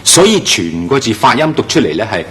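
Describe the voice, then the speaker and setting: Man, english pronunciation teacher, animated pitch, emphatic, slow drawn-out model words. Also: slight background noise. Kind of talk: classroom-style pronunciation lesson.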